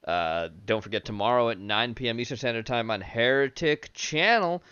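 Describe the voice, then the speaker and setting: A man's voice: mid-range voice, moderate pace, fairly bright tone, clean tone, no echo, dull audio. A man hosting a livestream, casually rattling off announcements with some profanity. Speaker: stream host.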